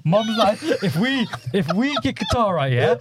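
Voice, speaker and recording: A man's voice: high voice, big pitch swings, normal speed, background noise. A young man with a London roadman accent, chatting about football in a slangy, insistent way. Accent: London roadman, multicultural urban slang. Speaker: football podcast co-host. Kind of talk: casual football banter.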